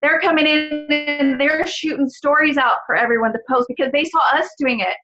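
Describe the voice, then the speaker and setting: A woman's voice: sits high, steady tone, normal speed, pushed and bright, muffled recording. A woman on a video call giving an emotional, gushing pep talk to her team, often calling out "guys". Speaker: guest team leader.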